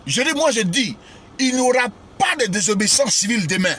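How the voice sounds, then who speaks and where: A male preacher with a high, ringing voice. He scolds fiercely and drives his points home by repeating phrases again and again. His tone stays sharp and forceful throughout. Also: sing-song, fairly quick, husky. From Côte d'Ivoire. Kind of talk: impassioned social media address.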